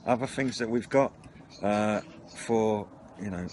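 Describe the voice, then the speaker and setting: A little slow and a little mellow, this man's fairly low voice carries an informal run-through to camera that rambles and hesitates at times. As a video channel host, he's sitting at a table outside, and the camera-mic home recording is noisy.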